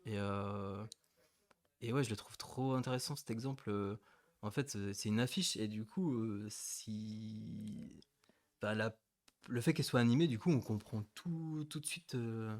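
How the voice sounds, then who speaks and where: Hesitant low-voiced man, dry sound. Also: a little slow, no room sound. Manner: hesitant, full of fillers and restarts, laughs easily. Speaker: co-host of a company webinar. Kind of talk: casual webinar chat.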